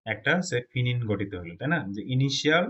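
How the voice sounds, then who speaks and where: Bangladeshi guy teaching a chinese class, mid pitch, step by step, keeps asking right?. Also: animated, fast, fairly bright tone, muffled recording. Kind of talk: classroom lesson.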